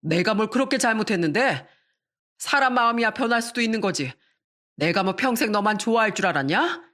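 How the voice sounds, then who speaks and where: A woman plays a middle-aged husband caught cheating, stammering excuses and sulking back at his wife. The voice sits at an ordinary pitch, closer to the narrator's own than to a deep man's, in a scripted radio story. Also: expressive, a little fast, fairly bright tone, lightly acted. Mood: indignant. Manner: stammering, sulky and defiant.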